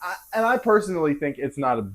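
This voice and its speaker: Chatty livestream host, lively voice. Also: medium pitch, fast talker, crowd noise. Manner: chatty, laughing, restarts often. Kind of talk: casual chat reacting to a podcast.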